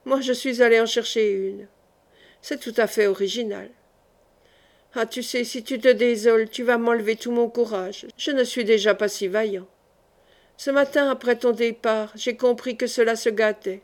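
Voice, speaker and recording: A woman reading the part of a gentle young man on his deathbed, soft, weary and affectionate. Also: fairly high pitch, steady tone, moderate pace, lightly acted. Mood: tender.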